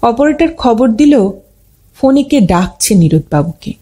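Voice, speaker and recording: A woman narrating a classic short story, giving the dialogue small shifts of pitch and pace. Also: big pitch swings, unhurried, warm tone, husky.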